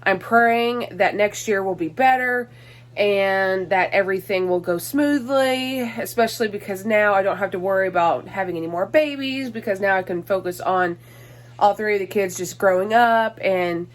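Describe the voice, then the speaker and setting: A young woman in her twenties chats to her viewers from inside a small, busy home. Her talk is loose and rambling, full of "um"s and restarts, and she is slightly short of breath. Her pitch sits in a plain, middle range. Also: moderate pace. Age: 20s. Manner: rambling, many fillers and restarts. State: out of breath, allergies. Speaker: mom vlogger. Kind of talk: casual chatty vlog. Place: small cluttered home, indoors.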